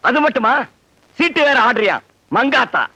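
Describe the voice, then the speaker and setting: A sarcastic, scolding office boss. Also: male voice, very high voice, expressive, moderate pace, gravelly, bright, forceful tone, dry recording, exaggerated voice, rough recording.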